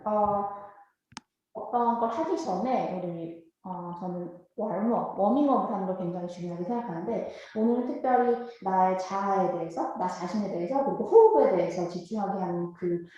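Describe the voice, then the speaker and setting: A woman hosting and interpreting a lecture in a polite, formal way, with drawn-out hesitations. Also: mid-range voice, dark tone, lo-fi sound. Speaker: host and interpreter. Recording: very echoey room.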